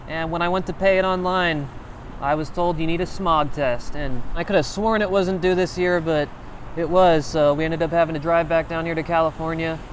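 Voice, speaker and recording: A man's voice: on the high side, slight background noise, low-quality recording. A man narrating a casual travel vlog, chatty and informal, talking straight to his viewers. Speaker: travel vlogger.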